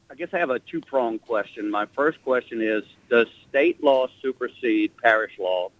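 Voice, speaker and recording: A man's fairly low voice comes through a clipped phone line, dull and narrow in sound. He speaks politely with a little hesitation, laying out his question step by step. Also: fairly bright tone. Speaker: caller. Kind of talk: call-in question on the air.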